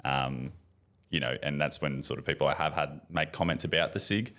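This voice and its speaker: A man's voice: a bass voice, steady tone, brisk, bright, forceful tone. A man with an Australian accent, a podcast guest who talks laid-back, explaining with fillers. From Melbourne area, Australia. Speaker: podcast guest, battery salesperson. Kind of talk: casual chat.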